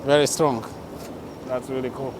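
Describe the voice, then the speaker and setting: A man's voice: medium pitch, steady tone, normal speed. A man vlogging his travels outdoors at a busy city market, chatting and laughing with the people he meets. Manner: chatty, laughs often, talks to passers-by. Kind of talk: casual travel vlog narration. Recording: outdoor street noise.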